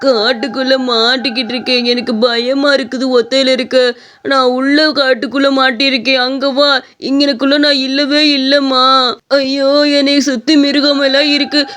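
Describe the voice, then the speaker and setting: A woman voicing a young man who pretends to be a lost, frightened little boy, pleading slowly. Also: high voice, little pitch movement, a bit bright. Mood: pleading scared. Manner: slow, pleading, whimpering.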